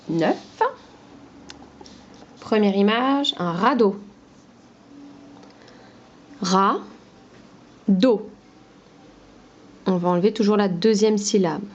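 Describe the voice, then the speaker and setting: A woman teaching a phonics lesson to young children, pronouncing each word slowly and clearly, syllable by syllable. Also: medium pitch, muffled recording, slight background noise. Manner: slow, clear syllable-by-syllable pronunciation.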